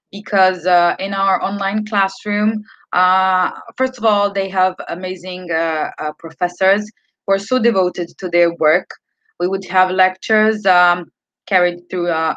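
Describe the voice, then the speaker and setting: A woman's voice: medium pitch, a bit bright, no room sound, lo-fi sound. A woman in her twenties from Serbia, a student giving an earnest talk to an online audience with many fillers and restarts. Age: 20s. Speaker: student speaker.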